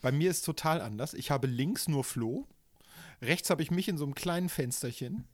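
A man's voice: a little high, lively intonation, moderate pace, no echo. Laid-back man co-hosting, dry sound. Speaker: podcast co-host. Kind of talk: casual chat.

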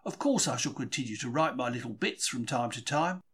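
Reading a first-person diary from a script, this man takes a conversational, confiding storytelling approach, like an audiobook narrator. His mid-range voice moves quickly, with lively intonation and a breathy edge.

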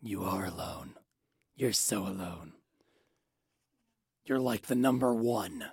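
A man voicing a creepy, taunting male spirit with a horrific, gravelly, drawn-out voice in audio drama outtakes. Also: deep voice, a little mellow, full character voice.

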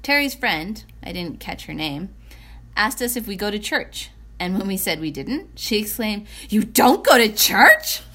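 A woman's voice: mid-range voice, animated, normal speed, sharp tone. Woman, young adult, podcast co-host, dry, wry storyteller. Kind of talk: recounting a dinner outing.

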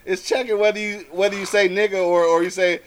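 A man's voice: high voice, little pitch movement, fast talker. Laughing, profane man co-hosting. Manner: loose, profane, laughs often. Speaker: co-host. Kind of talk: casual radio show chat.

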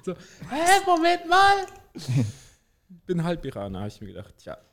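A man's voice: sits high, wildly swooping pitch, measured pace, fairly bright tone. Dry-joking man on a podcast. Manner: dry, joking, self-mocking. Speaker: podcast co-host. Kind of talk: casual podcast banter.

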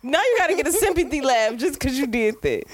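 A woman's voice: sits high, expressive, fast. A young woman co-hosting a podcast, casual chat, blunt and teasing with lots of slang. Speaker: podcast co-host.

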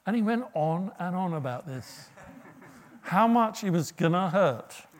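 A man's voice: high voice, lively intonation, unhurried. A middle-aged man preaching a sermon, humorous and often asking his listeners questions.

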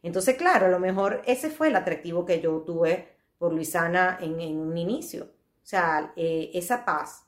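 A woman speaks in a lowish voice, talking through her thoughts in a casual monologue. She repeats phrases and turns to her listeners directly. The recording has a noticeable room echo. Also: animated, unhurried. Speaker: podcast host. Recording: roomy echo.

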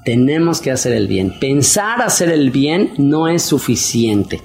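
A man's voice: big pitch swings, a little slow, darkish tone. A man giving a casual sermon to wives, talking conversationally with many fillers and repeated words. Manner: acts out quoted wives in a higher voice. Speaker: preacher.

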